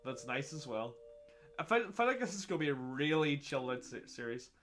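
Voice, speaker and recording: A man's voice: medium pitch, very animated, a little fast, a bit bright, faint music behind. A man giving casual let's-play commentary, chatty and self-mocking. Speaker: gaming channel host.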